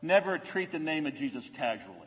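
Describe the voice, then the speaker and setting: Older man, pastor, sermon, slightly high voice, loud then hushed, long church reverb. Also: big pitch swings, fairly quick. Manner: preaching with swings between loud proclaiming and hushed earnest asides. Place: church sanctuary.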